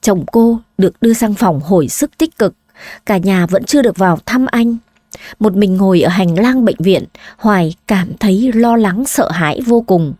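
A woman narrating a dramatic story in an audiobook, reading slowly and with emotion. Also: medium pitch, mellow, dry recording.

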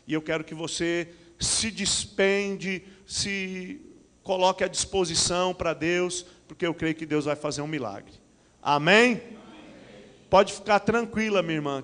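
Middle-aged Brazilian pastor in a reverberant hall. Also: male voice, high-pitched. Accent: Brazilian Portuguese. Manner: animated preaching with frequent amens and hallelujahs, paces the stage. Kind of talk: church announcements and sermon. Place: large church hall with curtains and stage. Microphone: handheld microphone.

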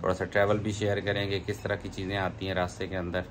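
A middle-aged Pakistani man with an Urdu-speaking accent narrates a casual travel vlog into a phone camera held at arm's length, first indoors by a plain wall and then while driving on a highway. His voice is low and monotone, he talks fast, and the background is noisy. He chats unhurriedly, with many fillers and asides.

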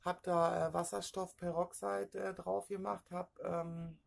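A middle-aged woman, telling a story casually to her camera at home in an excitable, chatty way, acting out what people said. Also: fairly low pitch, unhurried, vocal fry. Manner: chatty, excitable, acts out dialogue. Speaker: vlogger. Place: at home indoors. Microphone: camera in front.

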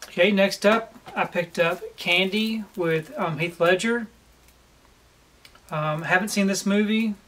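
A man in his forties, seated at home, casually presenting his collection haul with a relaxed, plain manner and frequent pauses. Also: high voice. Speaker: collector vlogger. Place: home room lined with disc shelves, indoors.

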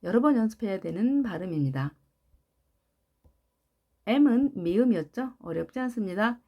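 A woman teaching English pronunciation in a patient classroom manner, repeating each sound clearly for learners. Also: mid-range voice, lively intonation, normal speed, lo-fi sound. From Korea. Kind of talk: slow, clear classroom instruction.

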